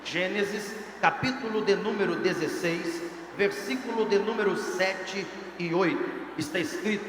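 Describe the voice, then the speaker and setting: A man's voice: high-pitched, normal speed, noisy background. A male pastor preaching a sermon to a youth congress in an emphatic, rising preacher's cadence. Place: large congress hall. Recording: echoey hall, faint crowd ambience.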